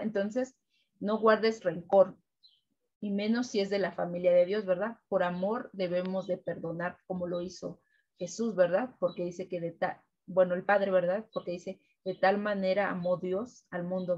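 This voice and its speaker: A woman leading a weekly Bible devotional, preaching gently and ending nearly every sentence with a questioning "right?". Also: lowish voice, steady tone, normal speed, highs cut off. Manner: keeps adding "right?" tags, gentle repetitive preaching. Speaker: devotional co-host.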